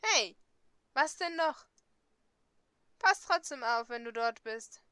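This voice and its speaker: A woman's voice: high-pitched, animated, slow pace, bright, forceful tone, clear, resonant tone, no echo, clean studio sound, full character voice. A woman voicing a cocky, brusque teenage boy from a dating game, teasing and curt. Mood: gruff.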